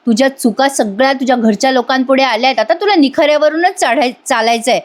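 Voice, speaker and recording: A woman's voice: high-pitched, fast, close to an everyday voice. A woman voicing a taunting young woman.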